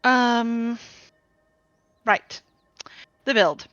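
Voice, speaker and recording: A woman guild trainer explaining a game build over group voice chat, steady and explanatory with frequent ums. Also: a little high, extremely slow, smooth, no room sound. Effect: group voice chat audio. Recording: dull lo-fi voice chat mic.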